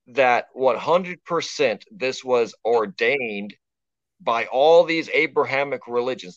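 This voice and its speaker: A man's voice: medium pitch, fairly bright tone, dry recording. Texan man, podcast guest, profane and emphatic, dull lo-fi sound. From Texas. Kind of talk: casual podcast conversation. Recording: dull, dry lo-fi remote audio.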